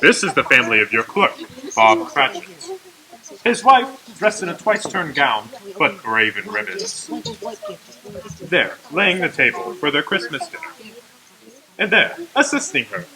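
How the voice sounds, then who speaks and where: An actor playing the jolly giant Ghost of Christmas Present in a radio drama, hearty and laughing. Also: male voice, on the high side, sing-song, unhurried, pauses often, crowd noise, low-quality recording. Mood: jovial. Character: jolly booming giant Christmas spirit, male.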